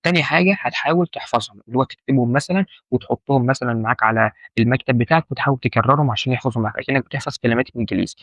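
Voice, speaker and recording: A man's voice: mid-range voice, rapid-fire, few pauses, fairly bright tone, no room sound. A man with an Egyptian Arabic accent teaching an informal lesson, repeating key points and asking the listener questions. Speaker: medical terminology instructor.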